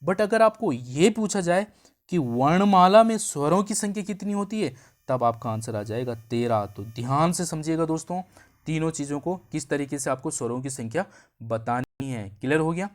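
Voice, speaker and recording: A man teaching an exam-prep grammar lesson, explaining step by step, drawing out sounds to show them and checking in with quick questions. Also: a little high, expressive. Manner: draws out vowel sounds to show their length.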